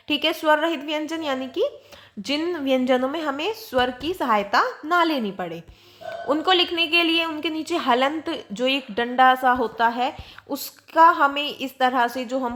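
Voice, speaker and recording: A woman's voice: sits high, fairly bright tone. A woman teaching a grammar lesson, explaining patiently and repeating examples with frequent checks.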